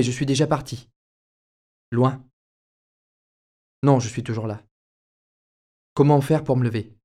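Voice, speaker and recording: A man's voice: mid-range voice, warm tone, natural voice. A man reading a flustered young piano student. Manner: flustered, halting. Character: shy, embarrassed boy piano student. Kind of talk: audiobook character narration.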